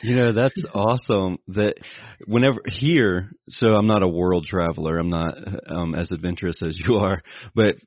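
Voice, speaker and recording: A man's voice: low-pitched, fairly even intonation, normal speed, dry recording, highs cut off. A man hosting a business podcast, chatty and easygoing, with frequent fillers. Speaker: podcast host. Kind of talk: casual podcast intro and interview.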